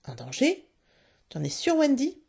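A woman reading a storybook aloud, voicing a gentle, anxious young mother who speaks softly and tenderly. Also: high-pitched, huge pitch swings, measured pace, vocal fry, breathy edge, pitched above the performer's own voice, full character voice.

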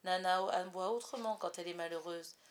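A perceptive young storybook girl who speaks quietly and with calm certainty, as a woman reader voices her. She is matter-of-fact. She sounds wiser than her years. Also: lowish voice, fairly quick, natural voice. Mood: knowing.

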